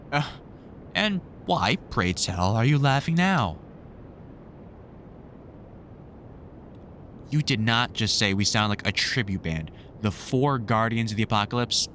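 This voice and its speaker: A male actor plays a gruff, sardonic British vampire hunter, a protective and teasing mentor, in a roleplay audio drama spoken to the listener. He sounds mock indignant, trading wry, sweary, exasperated but fond banter with very animated intonation. A slight rumble sits in the background.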